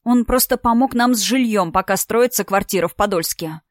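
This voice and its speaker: A woman's voice: mid-range voice, brisk, no room sound, studio quality, natural voice. A woman reading a storybook part, voicing a tired, defensive single mother in her thirties. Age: 30s. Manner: defensive, exasperated.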